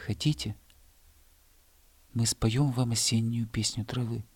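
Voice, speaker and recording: A man voicing a chorus of tiny shivering grass blades that plead in high, loud, eager calls, with a husky edge. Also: a little slow, natural voice. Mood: whispery.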